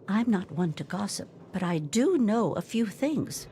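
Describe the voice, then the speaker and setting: A woman's voice: medium pitch, expressive, measured pace, dark tone, slight background noise. A woman voicing a nosy, sweetly sanctimonious female cult prophet who gossips in a video game. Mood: gossipy, pious. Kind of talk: video game character dialogue.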